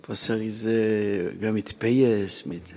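A man telling a rambling personal story, halting with many restarts and pauses, sometimes dropping to a quiet mutter, with a long echoing reverb on the recording. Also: lowish voice, fairly even intonation.

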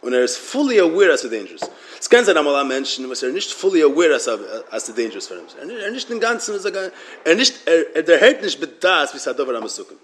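Guy w a teaching torah, talks quick and a bit high, keeps stumbling n repeating himself. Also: very animated, a bit bright, slight background noise. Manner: halting, repeats words and restarts. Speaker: religious teacher. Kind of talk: Torah lecture.

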